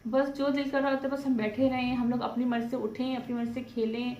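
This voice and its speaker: A woman's voice: a little high, little pitch movement, fast, a little mellow, dull audio. A chatty mother, talking casually to viewers in a vlog and mixing in English words. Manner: chatty, mixes Urdu and English. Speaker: mother and vlogger. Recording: echoey room, faint background noise.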